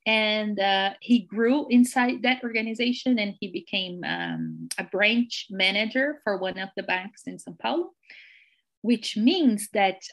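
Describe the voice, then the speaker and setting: A woman in her forties speaks English with a Brazilian Portuguese accent. She tells her story as a podcast guest, earnest and measured, now and then restarting a phrase. Her pitch sits in the middle for a woman. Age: 40s. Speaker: executive coach, podcast guest. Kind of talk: interview, telling her life story.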